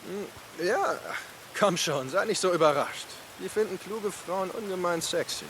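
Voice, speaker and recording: A man's voice: sits high, measured pace, fairly bright tone, slight background noise. A man voicing a joking, evasive young male biker in a game dub, who deflects serious talk with jokes. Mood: teasing.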